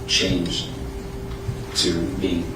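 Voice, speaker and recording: An American man giving courtroom testimony as an expert witness, answering formally and politely in a measured, hesitant way. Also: deep voice, monotone. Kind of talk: courtroom testimony under questioning. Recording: echoey, distant, noisy courtroom audio.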